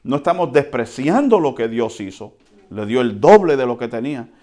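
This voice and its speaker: Man, pastor, sermon, chatty preaching, quiet then loud, average pitch. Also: moderate pace. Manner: conversational preaching, asks the congregation for responses; lively swings between soft and loud, with chuckles.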